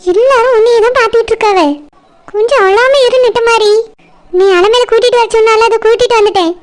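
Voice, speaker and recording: A fussing older sister, played by a cartoon performer scolds and soothes in turn. Her voice is piercingly high and carries a Kanyakumari Tamil lilt. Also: steady tone, fast talker. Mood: soothing. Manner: scolding yet soothing, repeats a pet name. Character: fussing older sister figure comforting the bride. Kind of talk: cartoon voice acting.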